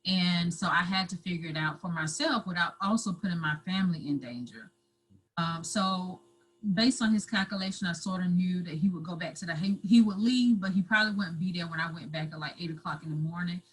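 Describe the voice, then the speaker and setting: A woman guest telling her own story in an interview, halting and repeating herself, at times close to tears. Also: lowish voice, a little hiss or hum, low-quality recording. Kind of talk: emotional personal storytelling.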